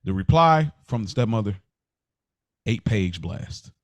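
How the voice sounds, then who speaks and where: Here a male podcast co-host unhurriedly relates personal anecdotes in conversation, with lively intonation in a lowish register. He often repeats words and restarts his phrases, and the recording has no echo.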